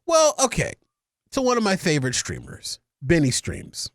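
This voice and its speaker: Excitable ranting man on a podcast. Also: high-pitched, normal speed. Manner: excitable, ranting, swings from mumbling to shouting. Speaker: podcast co-host. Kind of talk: casual podcast chat.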